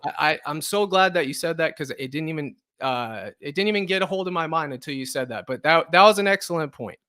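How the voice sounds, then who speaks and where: A man hosting a betting podcast in casual chat, emphatic and agreeable, repeating words when excited. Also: on the high side, fast talker.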